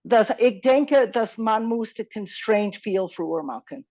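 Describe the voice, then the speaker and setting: A woman therapist in a casual journal-club discussion, mixing English words into halting German. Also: mid-range voice, animated, warm tone, no room sound, dull audio.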